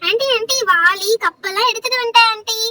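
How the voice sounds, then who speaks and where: A woman with a Tamil accent voicing an excited little girl who keeps calling out for aunty in a doll play story. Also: extremely high pitch, fast, no echo, heavily acted. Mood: eager. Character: excited little girl helper, chatty and nosy.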